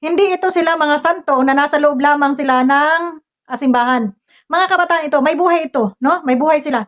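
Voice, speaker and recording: A woman's voice: high voice, a little fast. A woman ranting at a commenter, scolding and confrontational, firing off rhetorical questions. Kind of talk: heated commentary rant. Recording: dull lo-fi recording.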